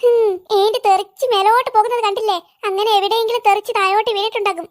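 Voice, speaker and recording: A voice actor playing excitable young schoolboys who bicker back and forth in a cartoon. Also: very high-pitched, fast talker. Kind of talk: cartoon voice acting. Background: faint background music.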